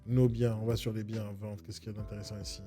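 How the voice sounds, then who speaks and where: A man's voice: lowish voice, flat delivery, quick pace, warm tone, faint music behind. A man who coaches real estate agents gives a blunt, exasperated, mocking casual critique of agency websites.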